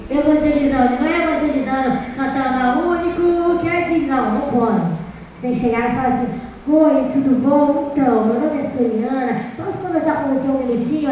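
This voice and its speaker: A woman giving a sermon testimony, telling her story lively and acting out the dialogue, recorded in a church. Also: high-pitched, slight background noise. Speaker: guest preacher. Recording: echoey church hall from far off.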